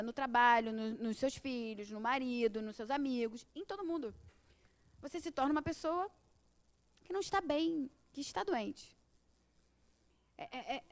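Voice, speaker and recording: High-voiced Brazilian woman teaching a class. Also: normal speed. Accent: Brazilian Portuguese. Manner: conversational, many rhetorical questions. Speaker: course teacher. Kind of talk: informal spiritual class talk.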